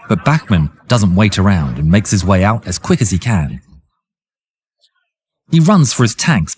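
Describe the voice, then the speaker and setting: A man with a lowish, husky, raspy voice reads scripted war history narration dramatically, in a theatrical and suspenseful style.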